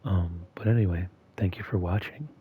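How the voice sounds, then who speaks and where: A man hosting a video in a soft-spoken, half-monotone voice that is often whispered and slightly strained. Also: low-pitched, normal speed, phone-quality sound, slight background noise. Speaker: video host. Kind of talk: soft-spoken ASMR-style commentary.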